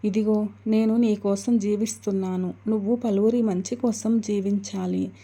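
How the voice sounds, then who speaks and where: A woman's voice: medium pitch, fairly even intonation, moderate pace, slightly rough. A woman voicing a principled, devoted adoptive mother who speaks firmly and earnestly. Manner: firm, earnest, gently reassuring.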